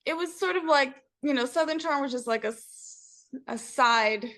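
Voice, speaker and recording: A woman's voice: high voice, normal speed, fairly bright tone. A young woman chatting casually as an interview guest, candid and reflective. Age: young adult. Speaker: interview guest, reality TV cast member.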